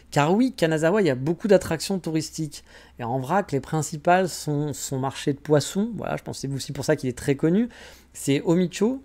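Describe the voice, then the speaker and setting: A French podcast host with a slightly high, slightly mellow voice talks casually about travel. He rambles, stays chatty, and mocks himself.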